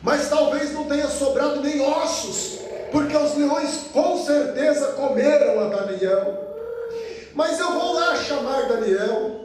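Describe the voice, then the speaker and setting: A man's voice: very high-pitched, animated, heavily acted. A man acting as a grieving sorrowful king. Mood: mournful. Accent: Brazilian. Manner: slow, mournful, pleading. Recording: echoey church hall, mic far off.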